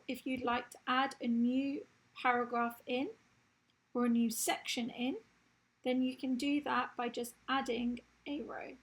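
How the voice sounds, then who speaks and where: Woman walking through a website tutorial, voice going hoarse and raspy. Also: sits high, poor audio. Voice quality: husky, gravelly. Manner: plain step-by-step explaining. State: losing her voice. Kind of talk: screen-recorded tutorial.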